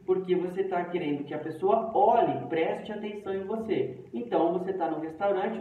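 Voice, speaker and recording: A man explains English phrases in with patient, clear teaching. He repeats the examples slowly and leans hard on the intonation. His voice sounds thin and phone-like, set back from the mic in a very echoey room. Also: a little high. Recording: echoey room, tinny and distant.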